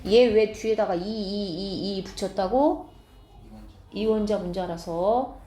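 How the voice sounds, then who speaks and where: A woman science teacher giving a classroom lecture, explaining step by step and often asking students quick check questions. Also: medium pitch, mellow, roomy sound.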